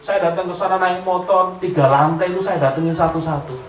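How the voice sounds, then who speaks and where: A man's voice: high-pitched, a little fast, a little hiss or hum. A man with a Javanese accent giving a humorous sermon, telling stories and acting out the voices of the people in them. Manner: animated, jokey, slips into Javanese, acts out voices. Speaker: preacher. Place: lecture hall with audience laughter. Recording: echoey hall, heard from a distance.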